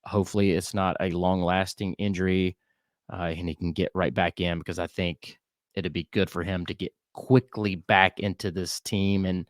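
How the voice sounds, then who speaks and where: A man's voice: low voice, little pitch movement, moderate pace, no echo, clean studio sound. Earnest man hosting a podcast. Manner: earnest and conversational, with fillers and restarts. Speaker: podcast host. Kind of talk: casual podcast chat.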